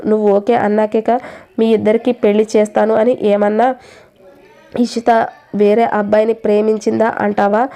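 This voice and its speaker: A reproachful middle-aged mother scolding her grown son, as a woman storyteller reads her lines. The voice is mellow and dark, held at a mid pitch with little rise and fall. She sounds hurt and stern at once, like a storybook parent. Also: lightly acted.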